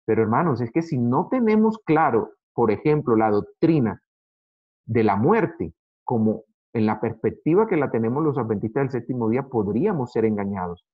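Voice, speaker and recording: A man teaching an Adventist Bible study in an earnest way, addressing his listeners as brothers and slowing down to read verses aloud. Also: medium pitch, animated, slightly rough. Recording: dull lo-fi recording.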